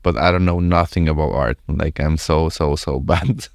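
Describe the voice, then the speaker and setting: A man's voice: extremely low pitch, normal speed, vocal fry, no room sound. A man in his thirties with a Spanish accent, hosting a casual English interview, often restarting his sentences. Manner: stammering restarts, relaxed and friendly. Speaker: podcast host.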